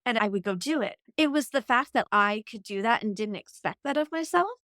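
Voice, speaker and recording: Speaking brisk and animated, with a fairly bright, high-leaning voice, a woman coach in her forties recounts her story on a podcast. She sounds earnest and reflective and uses "like" a lot. There's no echo, just clean studio sound.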